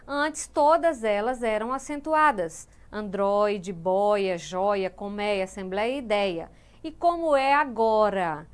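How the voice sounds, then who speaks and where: A woman's voice: mid-range voice, takes it slowly, clear, resonant tone. A woman teacher giving a grammar lesson, explaining step by step and voicing the students' questions before answering them. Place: studio of an educational channel.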